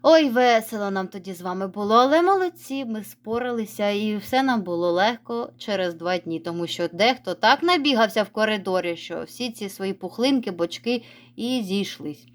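A woman teacher giving a recorded reading lesson to young children, praising them and slowly drawing out words as she models reading. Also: medium pitch, animated. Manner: encouraging, sing-song, stretches words slowly when modelling reading. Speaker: primary school teacher.

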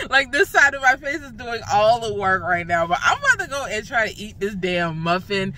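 A woman's voice: medium pitch, sing-song, fairly quick, sharp tone, slight background noise. A young woman ranting casually in a vlog from her car, her speech slurred from a numb, swollen mouth after dental work, laughing at herself and swearing freely. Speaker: vlogger.

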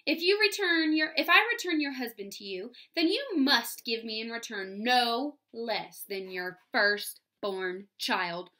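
A woman's voice: a little high, expressive, a little slow, few pauses, sharp tone. A woman voicing a cold, wrathful enchantress with an imperious, shrieking delivery in a storybook reading.

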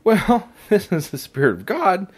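A hoarse, raspy-voiced man hosting a casual faith podcast, talking in a laid-back, slangy, self-deprecating way. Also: high-pitched, big pitch swings, unhurried. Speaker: podcast host.

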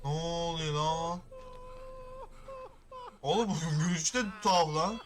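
A young man giving casual reaction commentary, with loud startled exclamations and constant swearing. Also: fairly high pitch, a little slow, noisy background. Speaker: reaction video creator.

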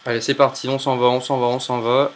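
A young man commentating his own gameplay in an animated, jokey, exclamatory way. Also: mid-range voice, quick pace. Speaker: let's play host.

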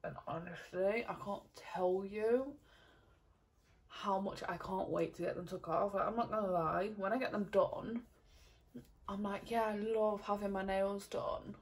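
Sitting in her bedroom at home, a young woman vlogs to a camera placed on the desk in front of her, rambling casually with many fillers and laughs. Her voice is mid-range, with fairly even intonation and a measured pace, and it sounds slightly croaky, like a morning voice.

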